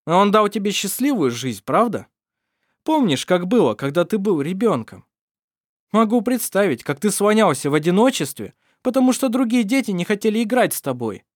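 A bold young man presses his case in urgent, forceful speech, as an audiobook narrator voices him, pitched somewhat higher than the narration. The sound is dry and close to the mic. He comes across as fierce and persuasive. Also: sing-song, normal speed, no room sound.

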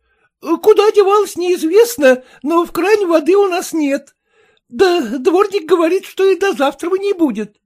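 Guy doing a high anxious young housemaid, pleading, lively voice, storybook. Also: unhurried. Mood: defensive. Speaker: character in a read story.

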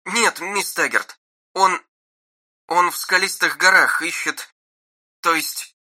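A man playing a flustered high-voiced secretary. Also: slow pace, bright, forceful tone, no echo, heavily acted. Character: flustered middle-aged female secretary.

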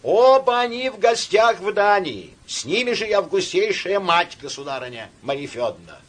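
A man voicing a boastful young officer who talks eagerly and pauses with fillers. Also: high-pitched, sing-song, fairly bright tone, pitched above the performer's own voice. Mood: eager boasting. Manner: eager, self-important, hesitating with fillers.

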